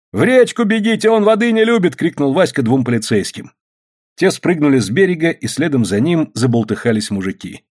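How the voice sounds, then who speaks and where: A man's voice: mid-range voice, darkish tone, slightly rough. A man narrating an audiobook expressively, with dramatic delivery. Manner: dramatic, acts out voices.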